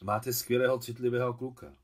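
A man reading an audiobook, voicing a humble, kindly old male hospital watchman who speaks gently and plainly. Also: medium pitch, fairly even intonation, lightly acted.

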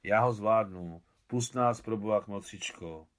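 A man's voice: fairly low pitch, natural voice. A man voicing a young village man who pleads earnestly. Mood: pleading.

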